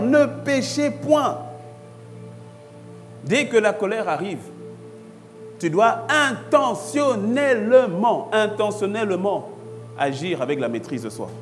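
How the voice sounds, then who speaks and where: High-voiced man preaching a fervent sermon. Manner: preaching with rising intensity, repeating phrases emphatically. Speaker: pastor. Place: church.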